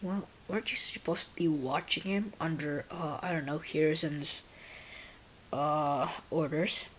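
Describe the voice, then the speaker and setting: A woman reading her first-person fan fiction aloud in a halting way, breaking off for casual asides to her viewers. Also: low voice, steady tone, a little hiss or hum. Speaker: story reader and channel owner.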